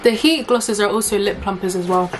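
A woman's voice: mid-range voice, fairly quick, noisy background. A young woman chatting frankly through a makeup haul, casual and swearing now and then. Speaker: beauty vlogger.

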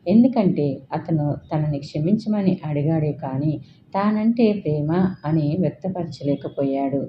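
A woman narrating an audiobook in scripted narration, telling the story steadily and voicing every figure. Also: sits low. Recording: dull, faintly hissy recording.

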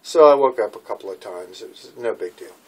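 A man in his sixties vlogs casually from a small boat cabin, rambling with lots of fillers into a handheld phone held at arm's length. His lowish voice is expressive, brisk, and darkish, with a breathy edge.

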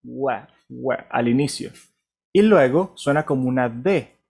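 A man's voice: mid-range voice, lively intonation, measured pace, creaky, a little mellow, husky. A man with a Venezuelan Spanish accent teaching an online English class, patient and encouraging, often checking in with "ok?". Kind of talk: online class, explaining pronunciation. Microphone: video call.

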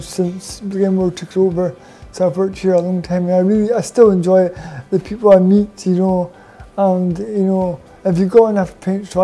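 Man, breakfast assistant, halting delivery, mellow tone. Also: high-pitched. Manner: halting, with many fillers. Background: background music.

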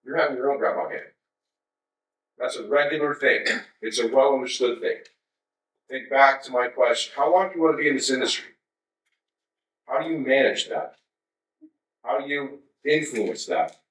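Man, 50s, keynote speaker at a podium; bright, forceful voice, wry and chatty; recorded far off in a reverberant hall. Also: medium pitch, normal speed, pauses often. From United States. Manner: conversational and wry, with asides to the audience. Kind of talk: conference keynote talk. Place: large darkened conference hall. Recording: roomy hall sound from a distance.

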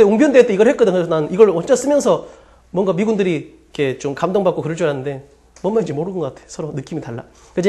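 A woman teaching an English grammar lesson in a casual classroom style, walking through examples and asking frequent rhetorical questions. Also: on the high side. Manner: explains step by step with many rhetorical questions; casual, chatty asides.

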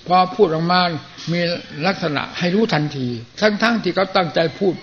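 Older monk preaching, gravelly voice pitched a bit high, keeps clearing his throat, muffled old tape. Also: normal speed, fairly bright tone. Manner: plain-spoken, folksy, frequent throat clearing. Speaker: Buddhist monk giving a dharma talk. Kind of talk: sermon. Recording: muffled lo-fi archive recording with faint hiss.

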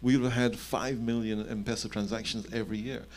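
His voice is on the low side and steady, and he talks fairly quickly. The man, in his fifties and a company CEO, is a panelist at an indoor conference, explaining specific points on stage through a handheld microphone.

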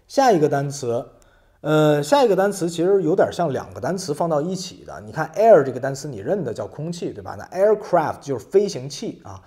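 A man's voice: mid-range voice, warm tone. A man teaching an English vocabulary lesson in Mandarin. He explains step by step, reads English example sentences aloud, and keeps checking with tag questions.

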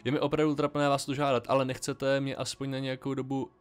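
A man's voice: mid-range voice, monotone, clear, resonant tone, close to an everyday voice. A man voicing a displaced woman lawyer, reading her formal, apologetic lines aloud. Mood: earnest.

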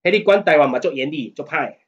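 A man's voice: a little high, expressive, fast talker, husky, highs cut off. A man with a Taiwanese accent giving a casual law lecture, often checking whether listeners follow and growing emphatic as he argues. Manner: conversational, often asks "you know what I mean?"; grows heated and emphatic when arguing. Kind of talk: casual lecture in Taiwanese Hokkien mixed with Mandarin.

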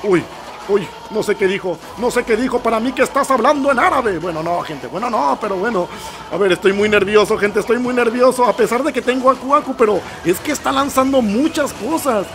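High, gravelly gamer man. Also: fairly quick. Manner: excitable, nervous reactions, keeps addressing viewers as "gente". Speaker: gameplay commentator. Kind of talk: excited let's-play commentary.

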